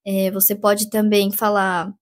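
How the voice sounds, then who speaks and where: A young Brazilian woman with a Brazilian Portuguese accent, chatting casually through advice in a vlog, animated and full of fillers. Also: medium pitch, a little slow, a little hiss or hum. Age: young adult. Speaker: vlogger giving job interview advice.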